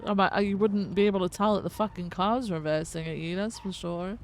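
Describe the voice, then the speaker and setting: A woman's voice: medium pitch, fairly even intonation, a little fast. A woman streamer playing a police officer, chatting casually and profanely while musing aloud during role-play. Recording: faint background noise.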